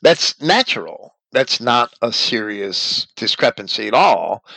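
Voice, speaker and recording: A man giving a measured, deliberate lecture on scripture and language, now and then pausing to correct himself. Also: medium pitch, very animated, creaky, pushed and bright, no room sound, poor audio.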